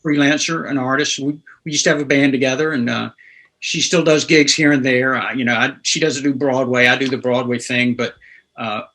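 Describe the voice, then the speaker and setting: Laughing through his stories, a sixty-something guitarist from North Carolina rambles from one anecdote to the next as a guest in a relaxed interview. He speaks fairly quickly in a steady, medium-pitched voice that comes across bright and forceful, though the recording is poor.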